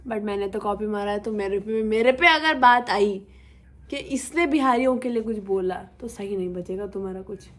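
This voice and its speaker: A woman's voice: mid-range voice, moderate pace. A young woman vlogger chatting casually and teasing her viewers in a playful, chatty way. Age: young adult. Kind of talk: casual chit-chat vlog.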